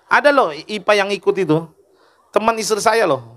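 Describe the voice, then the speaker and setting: A male preacher delivers a lighthearted sermon, teasing his listeners and throwing questions at them. His voice is bright and forward. His delivery moves between jokes and earnest storytelling. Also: sits high, animated, normal speed. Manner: joking and teasing with the audience, asks questions. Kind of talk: humorous sermon.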